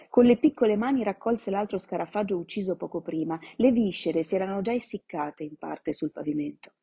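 A woman narrating a novel aloud in a slow, dramatic storytelling manner, live from home. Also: mid-range voice, creaky, mellow, husky, lo-fi sound. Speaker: reader. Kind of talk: dramatic audiobook-style reading.

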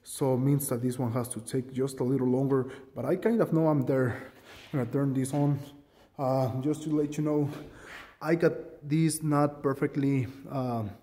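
Showing a tool mod in his indoor home garage workshop, a man speaks at normal speed in a mellow, mid-range voice with fairly even intonation and a long reverb tail. It's a casual, rambling, self-deprecating demo with many ums, captured on a handheld phone.

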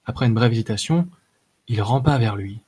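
A man narrating a fantasy short story as an audiobook reader, measured, with the odd hesitation. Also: medium pitch, a little mellow, husky. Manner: measured reading with occasional filler hesitations.

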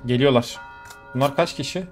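A young man commentating his own gameplay live, excitable and quick to exclaim and swear in the middle of fights. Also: mid-range voice, loud music behind the voice. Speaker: gaming YouTuber. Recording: faint game noise behind. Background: gunfire from the game.

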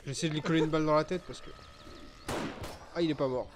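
A man giving excited, casual gameplay commentary. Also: fairly high pitch, quick pace, noisy background.

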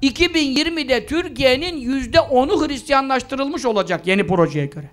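A man gives an earnest mosque talk through a pulpit microphone. His voice sits very high and carries clean and smooth. He exhorts the congregation and climbs higher when stressing a point. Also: expressive, moderate pace, a bit bright. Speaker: preacher. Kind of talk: mosque talk with announcements and prayers.

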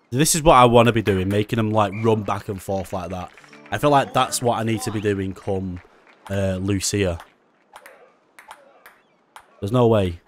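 A young man giving casual gameplay commentary, excitable and swearing often, with frustrated outbursts. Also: fairly low pitch. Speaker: gaming YouTuber.

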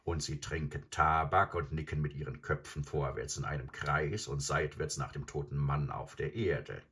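A man voicing a huge, boastful and sly old male crocodile who tells his tale slowly and savors it. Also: extremely low pitch, steady tone, a bit bright, breathy edge, full character voice. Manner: slow, savoring storyteller.

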